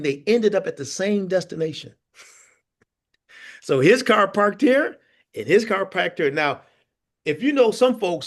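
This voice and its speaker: A man coaching a workforce training group over a video call. His pitch is lively and rises and falls a lot as he tells stories and asks the group questions. His voice sits a bit high for a man. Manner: animated storytelling with laughs and audience questions. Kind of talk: interactive online training talk.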